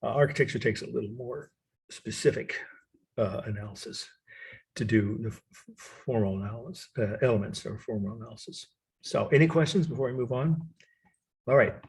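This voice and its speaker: A man giving a college art history lecture, explaining patiently and slowly spelling out words for his students. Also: mid-range voice, vocal fry, slightly rough.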